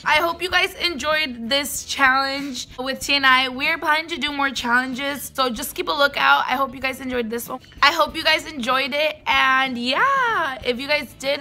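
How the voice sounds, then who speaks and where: A woman's voice: sits high, normal speed, bright, forceful tone. A young woman vlogger chatting casually and animatedly to the camera as host. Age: young adult. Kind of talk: casual vlog chat to camera.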